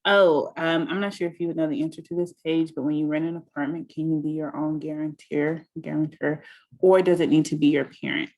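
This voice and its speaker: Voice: mid-range voice, steady tone, quick pace, few pauses, darkish tone. Friendly moderator reading audience questions. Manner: friendly, filler-heavy. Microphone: video call.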